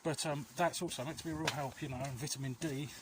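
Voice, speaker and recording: A vlog host with a slightly high voice talks fast in a fairly even tone, offering earnest, reassuring advice to viewers in a casual, rambling chat. He walks along outdoor alleys, often losing his thread, and the recording picks up clear ambient noise.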